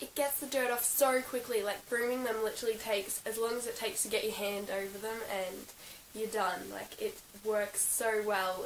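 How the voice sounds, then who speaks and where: This young Australian equestrian vlogger has a slightly high voice, croaky from being sick, as she casually shows and tells her favourite gear with plenty of giggles, ums and likes. The room is echoey, she's a little distant from the mic, and a faint hiss runs beneath.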